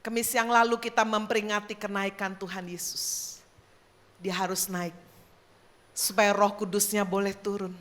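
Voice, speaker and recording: A woman pastor preaching a sermon in an animated way, acting out the people in her stories, with an Indonesian accent. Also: mid-range voice, normal speed. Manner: animated preaching with acted-out dialogue. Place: large church hall.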